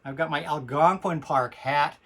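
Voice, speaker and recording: A man's voice: on the high side, moderate pace, fairly bright tone. A Canadian man speaking with a missing front tooth, hosting a vlog in a casual, rambling, repetitive way. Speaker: host of a record collecting vlog. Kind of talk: casual chat to viewers.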